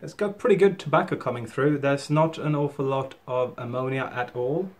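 A man reviewing a product in a relaxed, thinking-aloud way, his voice going into a can he holds close to his face. His voice sits at a middle pitch, with easy fillers and quick restarts. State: talking into held can. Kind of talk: casual review vlog.

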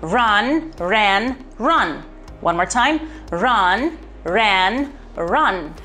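A woman teaching an English lesson online, upbeat and encouraging, repeating words slowly and clearly. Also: medium pitch, expressive, over music. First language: Romanian.

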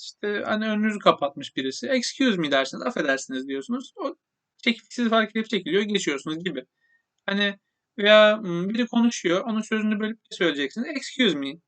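A man teaching English in a casual online lesson, speaking Turkish and slowly repeating English phrases. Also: high-pitched, sharp tone.

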